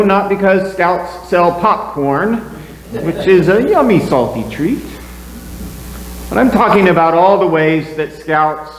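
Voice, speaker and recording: A male pastor preaching a sermon into a pulpit microphone, speaking slowly with a lively, rising and falling delivery. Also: on the high side. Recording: echoey church hall, faint hum.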